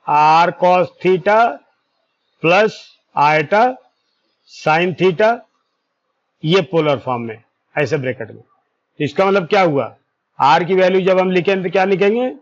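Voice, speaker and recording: A man with a somewhat high voice works through a maths lesson at a very slow, deliberate pace. He draws out each formula term and keeps pausing to check that his students follow. The recording is dull and lo-fi. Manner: slow, deliberate explaining, stretching out formula terms, checks in with "ठीक है"; corrects himself aloud mid-formula. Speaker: maths teacher. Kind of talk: whiteboard lesson.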